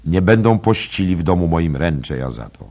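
A man's voice: sits low, expressive, normal speed, darkish tone. A man voicing a humble, servile innkeeper from an old-fashioned tale, bowing and apologetic as he speaks.

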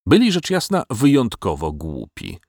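A man narrating a storybook audiobook in an expressive, storytelling manner. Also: on the low side, moderate pace, vocal fry, dry recording, clean studio sound.

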